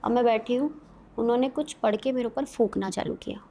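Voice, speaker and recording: A woman's voice: fairly high pitch, brisk, dark tone, slight background noise. A woman guest on a podcast, telling a frightening personal story in casual, dramatic bursts that build suspense. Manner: dramatic, suspenseful narration in short vivid bursts.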